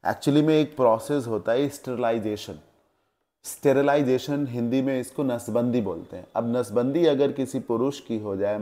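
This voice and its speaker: The voice is a man's, mid-range and dark in tone. As a teacher in a classroom lesson, he explains English word meanings through Hindi glosses and keeps checking understanding with questions to the class.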